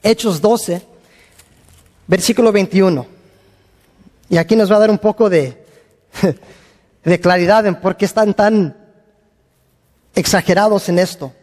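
High-voiced preacher in a reverberant hall. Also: male voice, measured pace, long pauses. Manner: animated, acts out the quoted people. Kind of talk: sermon with Bible reading.

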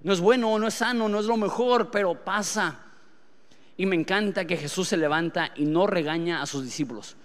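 Young preacher, late 20s, higher-pitched, conversational and emphatic, long hall reverb. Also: male voice, moderate pace. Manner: swings from hushed asides to loud emphatic outbursts; conversational, uses rhetorical questions. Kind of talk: sermon.

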